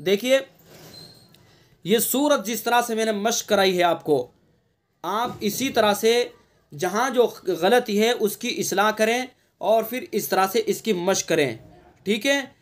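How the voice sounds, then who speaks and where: Male recitation teacher, high voice, patient explainer, drills sounds, slow drawn-out chanting of verses. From India. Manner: repeats sounds as drills to correct mistakes. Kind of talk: online Quran recitation lesson.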